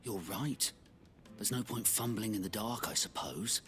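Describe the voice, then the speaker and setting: A man's voice: lowish voice, a little slow, fairly bright tone. An actor playing a wry, practical older craftsman in a video game. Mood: thoughtful. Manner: wry, thoughtful. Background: game music.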